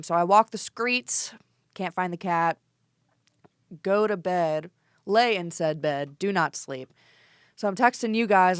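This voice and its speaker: A woman's voice: lowish voice, clean tone, no echo, studio quality. A woman in her twenties, a band singer, telling a story in casual chat and acting out her own lines. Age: 20s. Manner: animated, swearing, quoting herself. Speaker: podcast guest, band singer.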